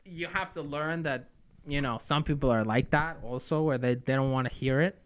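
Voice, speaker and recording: A man's voice: mid-range voice, moderate pace. A young man co-hosting a casual podcast, agreeable and laid back, calling his friend "bro". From Canada. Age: young adult. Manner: agreeable, frequent "bro" and "mm-hmm". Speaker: podcast co-host. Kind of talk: casual chat.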